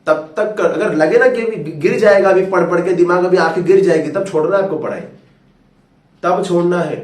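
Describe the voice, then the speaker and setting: A man's voice: high voice, a little mellow. A male tutor giving a coaxing, fatherly motivational talk to students, calling them "beta". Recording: roomy echo, far from mic.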